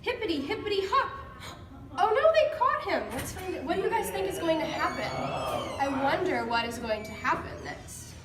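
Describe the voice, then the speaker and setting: Reading a picture book with children, a woman teacher uses a very high, sing-song voice at a moderate pace, offering encouragement and asking questions. The room echoes, the mic sits at a distance, and background noise comes through.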